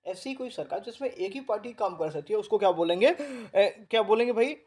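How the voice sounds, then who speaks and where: A male coaching teacher with an Indian accent who reads English definitions haltingly, explains them in Hindi and keeps checking in with his class. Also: high voice, animated, darkish tone. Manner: repeats tag questions to the class; stumbles over English words. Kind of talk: online vocabulary lesson.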